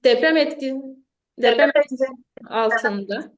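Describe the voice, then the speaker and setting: A woman's voice: a little high, measured pace. A woman giving a technical online presentation whose voice echoes back through an open mic on the call, explaining steadily with frequent hesitation sounds. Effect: her voice echoing back through an open mic on the call. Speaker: software webinar presenter.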